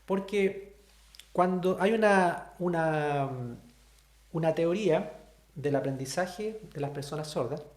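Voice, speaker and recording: Taking it slowly, a man with a slightly high voice and a Chilean accent lectures an online sign language class. He explains things step by step and checks in with students frequently, and the sound reverberates.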